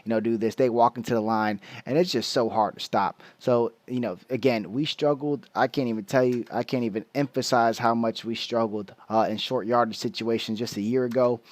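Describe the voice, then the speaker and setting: A man's voice: mid-range voice, fairly even intonation, a little fast, hardly any pauses, no echo. Man breaking down football film, dry close sound. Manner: loose, slangy, restarts a lot while explaining plays. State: hiccups. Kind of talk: casual film breakdown commentary.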